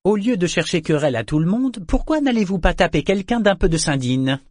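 A man voicing a strong-willed, quick-tempered young woman in an audiobook, speaking in a sharp, indignant way. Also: a little high, no room sound, studio quality, voice pushed up, lightly acted. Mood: sarcastic. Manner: sharp, raised, indignant delivery. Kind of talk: audiobook character voice.

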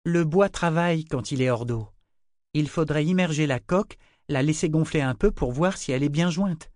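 A man's voice: on the high side, moderate pace, darkish tone, dry recording, voice pushed up, natural voice. A man doing a sarcastic worn-out young woman. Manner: dry, barely restrained sarcasm. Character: tired, sharp-tongued young woman holding back sarcasm.

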